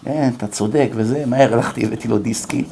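Gravelly man giving a rabbi's lecture. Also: medium pitch, mellow, a little hiss or hum. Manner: storytelling, acts out quoted people, rhetorical questions. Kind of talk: religious lecture with anecdotes.

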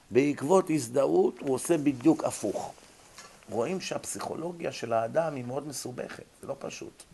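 Male lecturer, mid-pitched, gravelly; explains with rhetorical questions. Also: darkish tone. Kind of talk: religious psychology lecture.

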